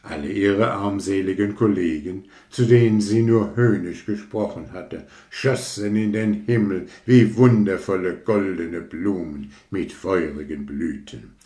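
A man reading a fairy tale aloud in a slow, measured storytelling manner. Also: low voice, warm tone. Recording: roomy echo.

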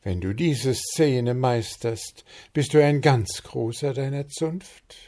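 A man's voice: medium pitch, slow pace, warm tone, pitched above the performer's own voice, lightly acted. Storybook bird actor, male, nervous, urgently coaching himself in thought, read by a man. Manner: urgent inner self-talk.

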